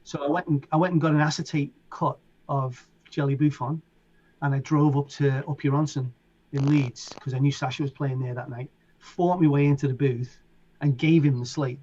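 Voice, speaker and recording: Animated Liverpool man telling stories. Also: a little high, moderate pace. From England. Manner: animated, acts out other people's lines in raised voices. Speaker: DJ and producer guest. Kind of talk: casual storytelling interview. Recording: dull lo-fi sound.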